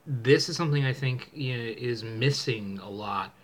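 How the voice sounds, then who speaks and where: A man's voice: mid-range voice, normal speed. A man hosting a casual chat, rambling with many restarts and fillers. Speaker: channel host.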